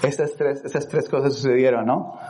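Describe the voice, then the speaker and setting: A man preaching a sermon in an expressive way, moving from quiet, reflective stretches to loud, dramatic moments, and slipping in English words. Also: medium pitch, moderate pace, a little hiss or hum. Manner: drops in English words, asks congregation for a word.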